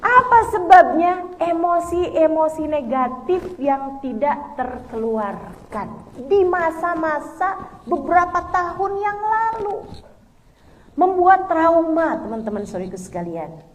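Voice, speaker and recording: High-voiced woman preacher, lively. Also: slow pace. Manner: lively, conversational, acts out dialogues. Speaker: Islamic preacher. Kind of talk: religious lecture to women.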